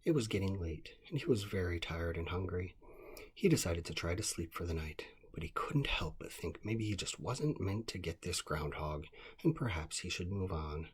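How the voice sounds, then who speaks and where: A man reads a children's story aloud in a deep, very husky voice. The narration is calm, scripted and meant for bedtime listening, at a normal speed.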